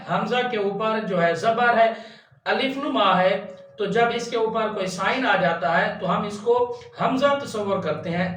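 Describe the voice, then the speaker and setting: A man teaching Quran recitation step by step, patiently spelling out letters and chanting long drawn-out syllables. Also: sits high, fairly bright tone, recorded from a distance. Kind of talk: step-by-step tajweed lesson. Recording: echoey room, voice off-mic, faint hum.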